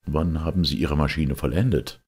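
A man's voice: rumbling low, normal speed, a little mellow, slightly rough, pitched above the performer's own voice. A man voicing the story's hesitant male first-person narrator, who asks and reasons cautiously, in an audiobook. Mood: doubtful.

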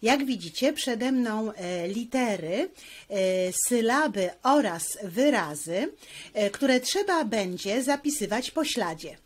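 A woman teacher walks through a handwriting lesson at an unhurried, careful pace. Her voice sits a little high, and she explains each stroke patiently, step by step. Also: animated, breathy edge.

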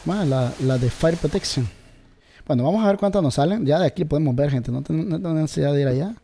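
A man's voice: a little high, quick pace, dark tone. A man giving casual gameplay commentary, talking straight to his viewers and searching aloud for words. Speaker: gameplay video creator.

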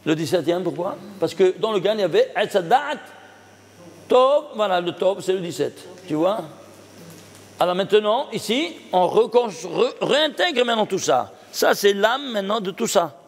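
A man's voice: sits high, lively intonation, moderate pace, slightly rough. A man, a rabbi teaching a Torah class, who poses questions and answers them himself and keeps checking that his listeners follow. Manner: checks understanding with the audience. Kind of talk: Torah lesson on numerology. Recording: long reverb of a hall.

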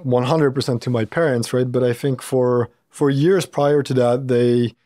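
A man's voice: mid-range voice, steady tone, normal speed, mellow, dry recording. Polish-born man, dry studio sound. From Poland. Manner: thoughtful, many fillers and restarts. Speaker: startup founder and CEO, guest. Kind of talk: casual interview talk. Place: podcast studio with a couch. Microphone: studio mic on a boom arm.

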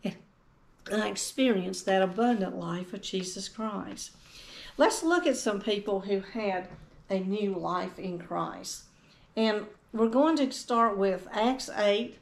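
A woman's voice: mid-range voice, slow pace. A middle-aged woman pastor preaching a sermon, reading scripture aloud and telling her own story of faith in an earnest way. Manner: earnest, reads scripture aloud and tells a personal testimony.

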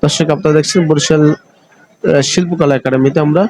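A Bangladeshi man reporting on location as a field reporter, in a halting delivery. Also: fairly high pitch, steady tone, a little mellow, slight background noise.

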